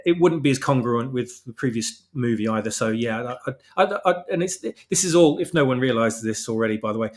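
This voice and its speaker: A man talks through his fan audio drama in casual chat. He stumbles and restarts often and plays his own talent down, and his pitch stays mid-range. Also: expressive, a little mellow. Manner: halting, self-deprecating, many restarts.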